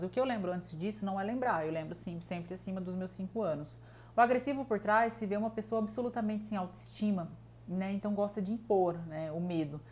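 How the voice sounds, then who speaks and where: Woman commentator, casual and lively, with frequent tag questions and quick imitations. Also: medium pitch, a little hiss or hum. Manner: lively, tags sentences with né and tá, mimics people.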